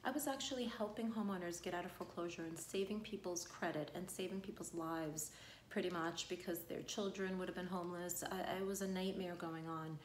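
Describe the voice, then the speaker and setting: Her low voice fairly even and quick, an Argentine-born real estate broker raised on Long Island, New York, chats to camera about her job with lots of fillers. She's in her 40s and recording indoors in her echoey home living room, with a little hiss or hum.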